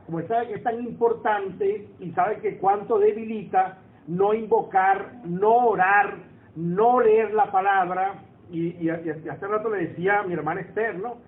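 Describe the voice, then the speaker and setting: A man preaches in a high voice, talking with the congregation and asking them for agreement. The sound is thin and phone-like, with a roomy echo around it. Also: a little slow. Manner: conversational, asks the congregation for agreement. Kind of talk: sermon. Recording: echoey room over a tinny phone-like line.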